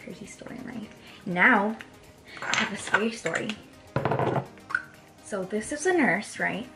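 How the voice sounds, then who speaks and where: A woman's voice: mid-range voice, expressive, a little slow, over loud music. A young woman vlogger telling a story in a casual chat, often checking in with "right?".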